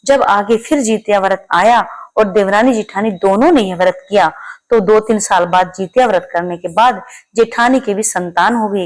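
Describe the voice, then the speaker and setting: Casting: woman storyteller for a devotional folk tale, expressive delivery. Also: medium pitch. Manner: expressive, acts out characters' pleas.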